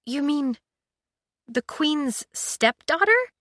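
A woman's voice: high voice, very animated, drawn-out words, a bit bright, dry recording, studio quality, pitched above the performer's own voice, exaggerated voice. Woman doing Cinder, fiery young cyborg. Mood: bewildered. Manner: intense, raised, indignant delivery.

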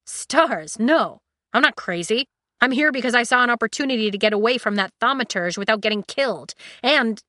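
A woman's voice: on the high side, lively intonation, moderate pace, pushed and bright, dry recording, studio quality, pitched above the performer's own voice. A woman voicing a surly, sarcastic young male royal guard. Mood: gruff. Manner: sarcastic, dismissive.

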